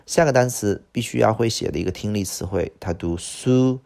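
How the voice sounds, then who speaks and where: A middle-aged male teacher working through an English vocabulary list with a low, gravelly voice. He stumbles over filler words and drags each new word out slowly, over and over. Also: darkish tone. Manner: lots of "这个" filler, drawn-out slow repeats of words. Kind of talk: vocabulary lesson.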